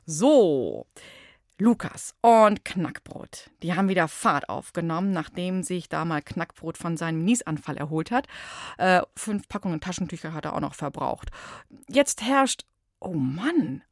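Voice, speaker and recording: A woman presenting a children's radio show in a chatty, playful, expressive storytelling style, speaking straight to the listeners. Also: on the low side, unhurried, dry recording, clean studio sound. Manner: expressive, addresses young listeners directly. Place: radio studio.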